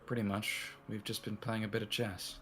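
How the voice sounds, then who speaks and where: A man's voice: lowish voice, little pitch movement, moderate pace, bright, forceful tone, soft background music. A man reading a visual novel aloud as its narrator and lead, using a put-on cowboy drawl.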